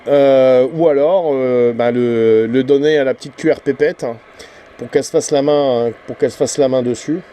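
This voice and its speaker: Here the CB radio hobbyist, who hosts his own channel, speaks at medium pitch and a moderate pace with a warm tone. His casual vlog talk meanders, stalls, and frequently trails away into small filler tags.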